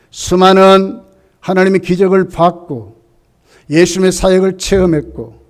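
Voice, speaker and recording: A male pastor with a notably high-pitched voice delivers an emphatic sermon. He presses his points with repeated rhetorical questions that climb in pitch and force. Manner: emphatic preaching, rising to loud peaks on repeated questions.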